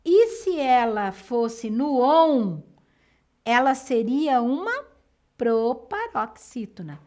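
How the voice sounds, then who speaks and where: A woman with a Brazilian Portuguese accent teaches a lesson that walks students through exam answers. Her voice sits fairly high, and she explains in a clear, patient way. She is recorded close to the microphone. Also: big pitch swings, a little mellow. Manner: clear, patient explaining, slows down to stress syllables.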